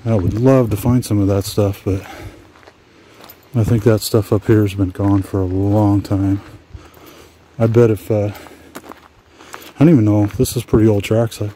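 A man from Washington State chatting casually as he walks along old railway tracks, rambling and relaxed with frequent fillers. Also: on the low side, unhurried, pauses often, slight background noise. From Washington State, USA. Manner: talks while walking outdoors. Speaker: adventure vlogger. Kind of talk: casual hiking vlog commentary. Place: outdoors on abandoned railway tracks.

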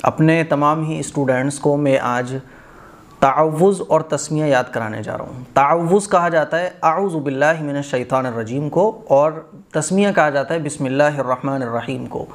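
A man with an Indian Urdu accent giving a pronunciation lesson as a recitation teacher, repeating words slowly and drawing them out. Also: fairly high pitch.

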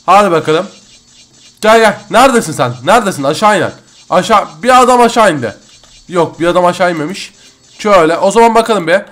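A man hosting a game roleplay video, chatting excitably with slangy asides to viewers. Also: high-pitched, fast talker. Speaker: gaming channel host. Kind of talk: Minecraft roleplay commentary.

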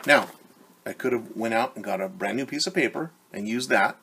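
His voice sits on the low side, creaky and sharp, and he talks a little quickly over slight background noise. He's a teacher in his forties reading a storybook to young children indoors in a living room, addressing them directly and repeating key words.

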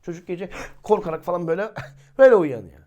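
A man with a fairly high-pitched voice gives a casual sermon to his listeners. He talks in an easy, everyday way, firing rhetorical questions at them. He slips into the voices of the people in his examples. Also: fast talker, lo-fi sound. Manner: lively, colloquial, acts out quoted people. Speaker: religious teacher. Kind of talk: informal sermon talk.

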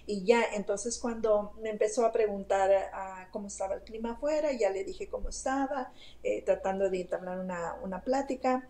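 A woman's voice: mid-range voice, normal speed, dark tone, poor audio. A woman telling a story to a host in a casual chat, full of fillers and asides. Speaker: interview guest.

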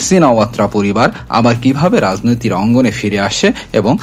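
A man reading a scripted news explainer as narrator, in a formal, measured reporting manner. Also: medium pitch, expressive.

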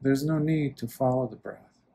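A man with a medium-pitched, gravelly voice leads a guided meditation as a monk. He speaks gently and soothingly in short phrases, leaving long pauses.

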